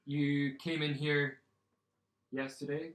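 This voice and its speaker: A man's voice: fairly high pitch, level tone, slow pace, roomy sound, a little hiss or hum, low-quality recording. A man doing a haughty silver-haired minister. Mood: indignant. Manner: dismissive, indignant, projecting voice.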